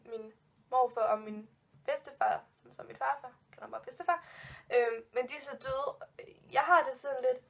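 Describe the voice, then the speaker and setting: A woman in her twenties telling ghost stories in a casual vlog, rambling with many fillers and restarts, spooked and giggling nervously. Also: a little high. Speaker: vlogger.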